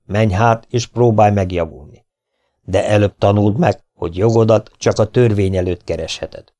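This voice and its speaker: A man reading the lines of a calm, unshakable lawman in an audiobook, firm and deliberate. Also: on the low side, close to an everyday voice. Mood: stern.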